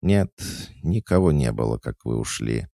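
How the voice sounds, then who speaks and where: A man's voice: extremely low pitch, expressive, normal speed, creaky, warm tone, no room sound, clean studio sound, exaggerated voice. Man voicing a sarcastic female spirit cat. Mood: matter-of-fact.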